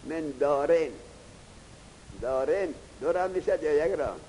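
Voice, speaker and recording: A man teaching grammar in a classroom lecture, reading Arabic text slowly, then explaining it in Persian and putting questions to his students. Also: on the high side, mellow, in a large hall, slight background noise, poor audio.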